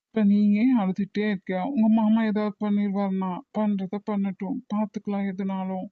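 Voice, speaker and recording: A performer playing a calm, firm husband in a cartoon, with a Kongu Tamil accent, who talks in a measured, lecturing and reassuring way. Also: mid-range voice, no echo, natural voice. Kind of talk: cartoon voice acting. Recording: dull dry lo-fi recording.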